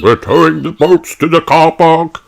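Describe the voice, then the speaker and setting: A man's voice: fairly high pitch, measured pace, vocal fry, slight background noise, voice pushed up. A man voicing an exuberant old grandfather rabbit in a hearty, theatrical storybook voice. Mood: jolly.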